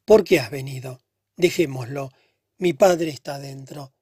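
A man reading the part of a pale, troubled young woman who speaks softly and sadly. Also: a bass voice, unhurried, slightly rough, dry recording, studio quality, heavily acted. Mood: weary. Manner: soft, subdued and hushed.

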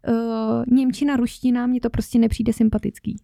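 A young woman from northern Bohemia talks as a podcast guest with a higher, gravelly voice and mellow tone. She is chatty and animated and laughs often. The sound is dry and close. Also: dry recording. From northern Bohemia, Czechia. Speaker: podcast guest, travel content creator. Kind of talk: casual podcast chat.

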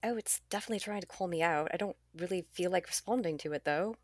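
Low-voiced, wry woman playing tabletop games. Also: fast, no room sound, clean studio sound. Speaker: tabletop game player. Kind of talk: casual game chat.

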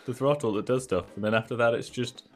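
A man's voice: mid-range voice, fast, faint music behind. A man co-hosting a car podcast in casual chat, rambling and joking with many restarts. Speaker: podcast co-host.

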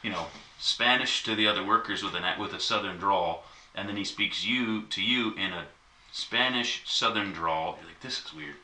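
A man's voice: fairly low pitch, fairly quick, sharp tone. A man in casual chat, telling a long, easygoing story with many asides. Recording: echoey room, mic at a distance, faint noise.

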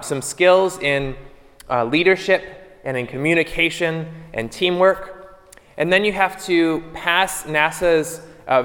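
Priest at a pulpit microphone, church reverb. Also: male voice, on the high side, a bit bright. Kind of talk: gospel reading and homily.

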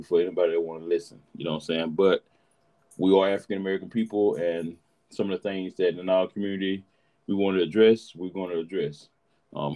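A man's voice: deep voice, dark tone, poor audio. A man hosting a casual podcast, talking in a laid-back way and often saying "you know what I'm saying". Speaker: podcast host.

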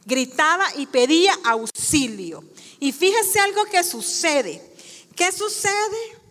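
High-voiced woman preaching in a reverberant hall. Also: big pitch swings, slow pace, fairly bright tone. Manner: addresses the congregation with rhetorical questions. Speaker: guest preacher. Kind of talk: sermon. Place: church. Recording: long church-hall reverb.

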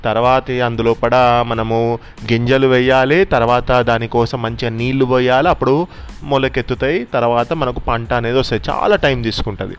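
A man's voice: medium pitch, moderate pace, faint music behind. A man telling a bedtime story to a child, explaining things patiently as he goes.

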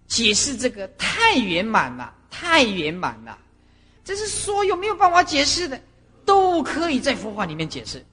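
Woman Buddhist master giving a doctrinal lecture, high and animated delivery, long hall reverb. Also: breathy edge. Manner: animated storyteller who acts out scenes. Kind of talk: doctrinal lecture with personal stories.

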